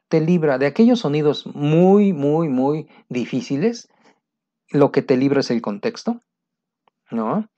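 A man's voice: a little high, dark tone, highs cut off. Patient Mexican Spanish man teaching pronunciation. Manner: patient, repeats key phrases, slow demonstrations of English sounds. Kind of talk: casual spoken lesson.

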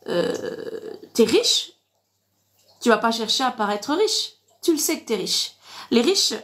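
A woman preaching online gives informal Bible teaching on a livestream, reading verses aloud. Her voice is a little high and a bit bright but sounds congested, as if her nose is blocked. She teaches in a didactic, repetitive way and punctuates her points with amens.

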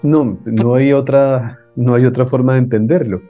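A man's voice: medium pitch, steady tone, normal speed, warm tone, highs cut off, faint music behind. A man who interviews his guest, asking questions and responding with attentive affirmations.

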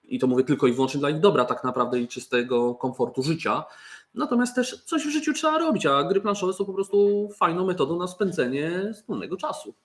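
A man's voice: on the high side, animated, brisk. A man casually presenting board games, joking and often restarting his sentences. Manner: chatty, joking, with fillers and restarts. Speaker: toy company presenter.

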